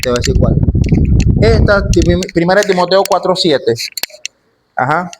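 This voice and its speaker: A man with a fairly high voice leads a church Bible class. He speaks with emphasis and drives his points home by repeating key phrases. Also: lively intonation, normal speed, background noise. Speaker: Bible school teacher.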